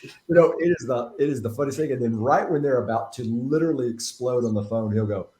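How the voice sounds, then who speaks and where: A man with a Southern Texas accent, a real estate agent talking casually and telling animated, folksy stories while coaching. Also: mid-range voice, fast, reverberant, a little hiss or hum.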